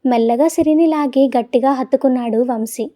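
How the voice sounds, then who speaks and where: High-voiced woman storyteller. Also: a little fast, dark tone. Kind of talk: scripted narration.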